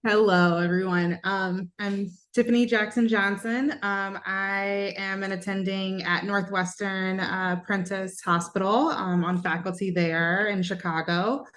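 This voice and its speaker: A woman attending physician from Los Angeles introducing herself over a video call, warm and reassuring. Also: mid-range voice, steady tone, unhurried, few pauses.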